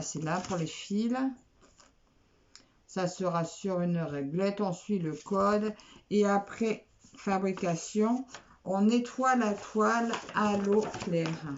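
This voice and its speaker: Slow-talking woman chatting through an unboxing. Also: mid-range voice. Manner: chatty, repeats words, many "alors" fillers. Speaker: craft vlogger. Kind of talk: casual unboxing chat. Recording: dull lo-fi recording with faint noise.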